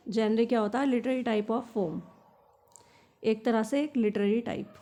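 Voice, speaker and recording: Indian woman teaching exam english, slow and mellow voice, reads lines out then explains fast. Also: fairly high pitch. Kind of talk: exam-prep lesson.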